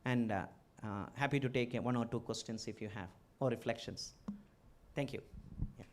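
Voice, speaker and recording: Speaking to students as an invited guest, this entrepreneur and ex-chief executive, a middle-aged man from India, has a strong Malayali accent and a mid-range voice at normal speed. His motivational address comes in short, forceful phrases with key words repeated, and a faint hiss or hum sits in the recording.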